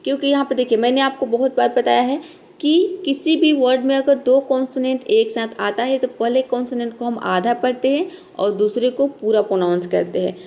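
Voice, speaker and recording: A woman's voice: on the high side, darkish tone. A young woman, an English teacher, explaining spelling and pronunciation rules to viewers, patiently repeating example words. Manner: patient, repeats words slowly, says "theek hai" often.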